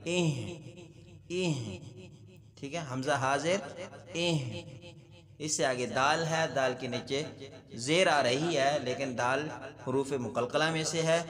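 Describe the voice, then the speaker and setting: A man's voice: mid-range voice, fairly bright tone. Man teaching recitation in an echoing hall. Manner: repeats each sound slowly and drawn out for the learner. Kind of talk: slow word-by-word recitation lesson.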